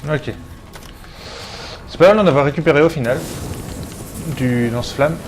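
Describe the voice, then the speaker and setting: A man's voice: fairly high pitch, a little slow, noisy background. A man giving casual video game commentary, thinking aloud as he plays. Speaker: let's player.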